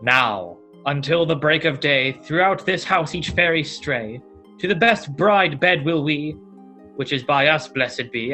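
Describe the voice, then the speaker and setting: A man's voice: fairly high pitch, pushed and bright. A man playing a commanding fairy king, speaking rhythmic, incantatory verse. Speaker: student actor.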